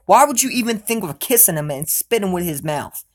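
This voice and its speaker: A woman giving an opinionated sports fan rant in a casual vlog, answering viewer questions. She talks emphatically, often asks "you know what I'm saying", and swings between loud outbursts and low mutters. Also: expressive, brisk, breathy edge.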